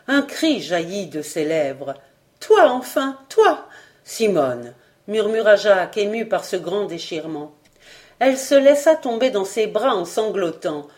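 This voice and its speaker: A woman reading a novel chapter aloud as an audiobook narrator, with measured, expressive delivery. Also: fairly low pitch. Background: faint background music.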